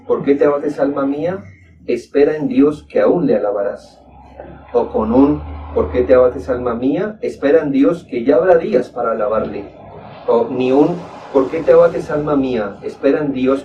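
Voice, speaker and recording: A man preaching a sermon as a pastor, speaking earnestly with repeated exhortations and emphatic rises. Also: medium pitch. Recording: dull distant mic with faint background noise.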